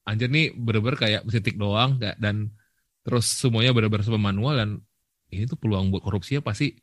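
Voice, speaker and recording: A young man, co-hosting a podcast in relaxed, rambling chat mixed with English phrases. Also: lowish voice, a little fast, no echo. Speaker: podcast co-host. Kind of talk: casual chat.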